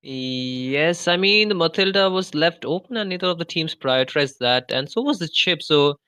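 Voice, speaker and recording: A man's voice: a little high, expressive, moderate pace, sharp tone, clear, resonant tone, dry recording. A man commentating a live esports match, analytical and full of "you know". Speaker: esports caster.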